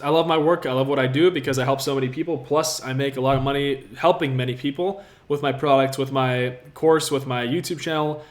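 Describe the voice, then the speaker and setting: A young man in his twenties, originally from Latvia, hosts a casual livestream from a room in his apartment. He answers viewer questions in an upbeat, motivational way, at an average pitch for a man, and talks straight to the people watching. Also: steady tone, fairly quick, few pauses. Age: 20s. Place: apartment room with a city view.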